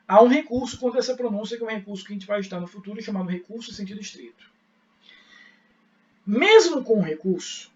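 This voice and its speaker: A man's voice: sits high, highs cut off. Brazilian male professor lecturing, distant. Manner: explanatory, asks rhetorical questions and checks in with students. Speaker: law professor. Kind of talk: live online lecture.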